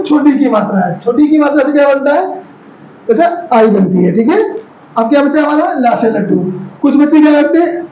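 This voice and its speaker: A man's voice: extremely high pitch, a little mellow, slight background noise. A man teaching children to spell names, who keeps quizzing them and drags out syllables as he sounds words out. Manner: keeps quizzing the children and checking they follow. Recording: roomy, dull lo-fi sound.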